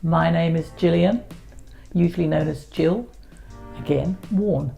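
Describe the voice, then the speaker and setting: Brief: woman in her seventies, low gravelly voice, measured and factual, faint music behind. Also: dark tone. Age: 70s. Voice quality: creaky. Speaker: interviewee. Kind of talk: documentary interview.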